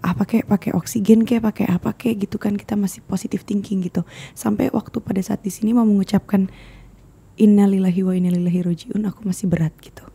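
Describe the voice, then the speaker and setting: A woman hosting an interview, her voice low, gravelly and very husky. She talks in a soft, sympathetic and often half-whispered way. Her tone is dark and muffled, and her pitch stays flat. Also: quick pace. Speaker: podcast host. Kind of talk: casual interview.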